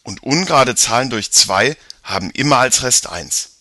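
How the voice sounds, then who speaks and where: A man's voice: medium pitch, animated, moderate pace, sharp tone, no echo. A man doing a curious, determined young boy. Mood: explaining. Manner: explaining, urging.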